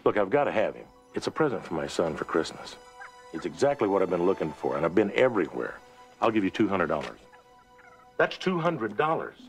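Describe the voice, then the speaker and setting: A man's voice: low-pitched, very animated, moderate pace, soft background music. An actor with an American accent playing an eager middle-aged father, earnest and insistent, in a film. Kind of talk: film acting.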